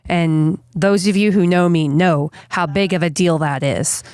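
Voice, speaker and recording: Wry woman with a lowish voice. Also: steady tone, a little slow, darkish tone, clear, resonant tone, dry recording, studio quality. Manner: wry and sarcastic, teasing. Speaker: podcast co-host. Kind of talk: casual chat.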